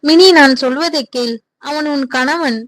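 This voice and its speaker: A woman voicing a loving middle-aged mother who gently but firmly coaxes her daughter. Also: high voice, measured pace. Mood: coaxing. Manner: coaxing, reassuring.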